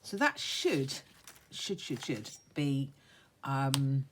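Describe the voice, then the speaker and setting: A woman with a low, croaky, hoarse voice talks casually through a hands-on craft demonstration. She is unhurried, commenting as she works. There is some background noise on the recording. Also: big pitch swings. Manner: unhurried, talks along while working with her hands. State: hoarse, still getting over a croaky voice. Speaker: craft vlogger demonstrating techniques. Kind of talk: casual craft tutorial chat.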